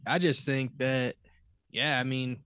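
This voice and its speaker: A man speaking as a podcast guest in a halting, reflective casual chat with many restarts. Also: medium pitch, steady tone, fairly bright tone, clear, resonant tone, no room sound.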